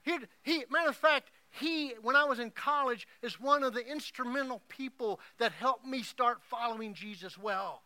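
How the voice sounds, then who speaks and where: Middle-aged male pastor, emotional storyteller, sharp bright tone, dry recording. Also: extremely high pitch, moderate pace, hardly any pauses, no room sound. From Oklahoma. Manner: emotional storytelling, swings from hushed to loud. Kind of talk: sermon.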